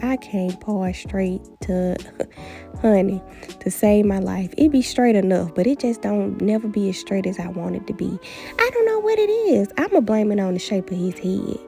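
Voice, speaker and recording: A woman's voice: medium pitch, vocal fry. A woman vlogging a hair tutorial at a family home, chatty and playful, talking straight to her viewers. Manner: animated, playful, talks straight to viewers with "honey" and "baby".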